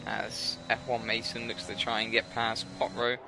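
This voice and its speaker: A man's voice: medium pitch, completely flat delivery, moderate pace, gravelly. Young male sim racing commentator, tired, rambly, self-correcting, noisy home recording. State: tired, yawning. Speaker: race commentator.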